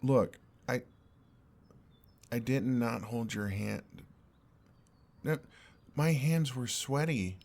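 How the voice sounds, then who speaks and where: A young man voices an exasperated, earnest, oblivious best friend in an intimate audio roleplay, sounding flustered and defensive. He talks in a halting, conversational way with a creaky, darkish, mid-range voice.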